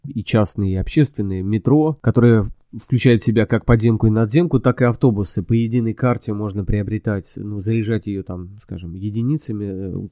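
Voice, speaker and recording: Male podcast host, casual monologue, lowish mellow voice, hesitant phrasing, dry sound. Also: no echo.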